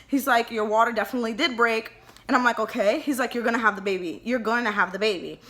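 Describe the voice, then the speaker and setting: Chatty bright-voiced young woman. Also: fairly high pitch, quick pace. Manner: chatty and animated, many "like" fillers, acts out dialogue. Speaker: vlogger telling her birth story. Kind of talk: casual storytime.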